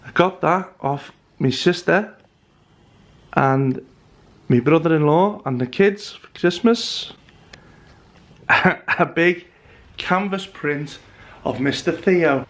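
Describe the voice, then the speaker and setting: A young English man vlogs to his camera in a loose, chatty, rambling way, making fun of himself along the way. His voice is a little high and slow with long pauses, and it still carries a hint of the flu he's recovering from.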